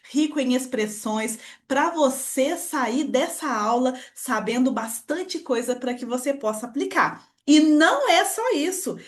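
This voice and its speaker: A woman teaching a French lesson online, upbeat and encouraging, talking straight to the viewer. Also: high voice. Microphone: computer screen recording voice-over.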